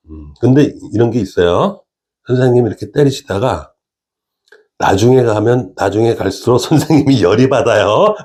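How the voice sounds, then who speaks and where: A man's voice: mid-range voice, a little mellow. A middle-aged man giving a casual spiritual lecture, often checking in with listeners and chuckling.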